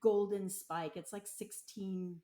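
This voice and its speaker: A woman's voice: mid-range voice, fairly even intonation, slow, mellow. A woman from Utah chatting casually and explaining local words, with lots of fillers and frequent laughs. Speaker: local guest explaining slang. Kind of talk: casual chat.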